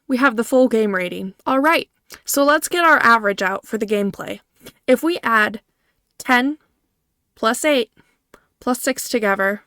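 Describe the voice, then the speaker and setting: A woman's voice: fairly high pitch, fairly bright tone, no room sound, studio quality. A woman gaming creator giving a scripted video game review, speaking directly to her viewers.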